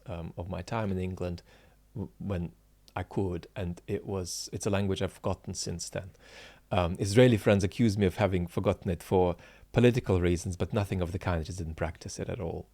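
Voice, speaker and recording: In an unscripted solo talk, a forties-aged political philosopher addresses his channel's viewers haltingly, with many fillers and restarts, pressing earnestly on key points. He has a deep, creaky voice with a darkish tone, recorded dry.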